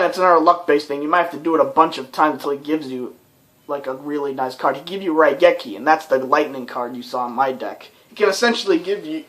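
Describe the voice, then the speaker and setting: A young adult chats and rambles casually through a let's play, commentating on a video game with plenty of fillers. The mid-range voice sounds a bit bright, the audio quality is poor, and game soundtrack music plays behind.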